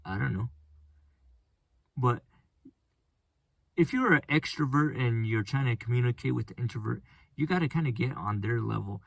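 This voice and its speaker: A man with a gravelly, flat monotone voice talks through a casual solo podcast, rambling and restarting his sentences as he goes. The recording is dry and close, with no room sound. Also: medium pitch, no room sound. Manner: rambling, halting with frequent restarts. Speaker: podcast host.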